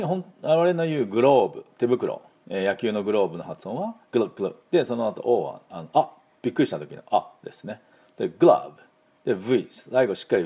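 Middle-aged Japanese male teacher, drills pronunciation slowly, animated pitch, low range. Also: slightly rough. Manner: slow, drilling repetition of words. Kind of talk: pronunciation lesson.

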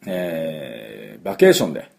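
A middle-aged man giving a chatty English pronunciation lesson, with drawn-out fillers and model words repeated for the listener to copy. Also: a bass voice, sing-song, vocal fry, darkish tone. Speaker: English teacher.

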